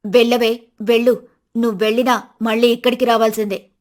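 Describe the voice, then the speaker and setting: A woman voicing a strict, proud middle-aged mother-in-law in an animated storybook, scolding in a stern voice. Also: fairly high pitch, a little fast, natural voice.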